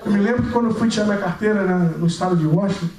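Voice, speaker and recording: A young man preaching a sermon, telling a personal testimony with lively storytelling and acted-out dialogue, recorded in a church. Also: high-pitched, very fast, a little hiss or hum. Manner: animated storytelling, acting out dialogue. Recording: echoey church hall, mic at a distance.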